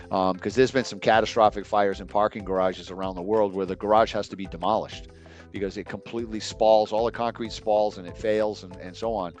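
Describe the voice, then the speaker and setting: Middle-aged male expert, lowish voice, hesitant and rambling delivery. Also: dull audio. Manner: hesitant, many ums, trailing off. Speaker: guest expert. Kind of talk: casual online webinar talk.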